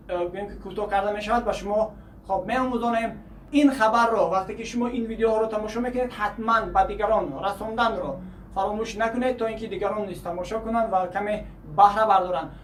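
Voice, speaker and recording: A man with a Tajik accent teaching a beginner English lesson, drilling short phrases slowly and switching between English and his own language. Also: sits high. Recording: echoey room, mic at a distance, faint noise.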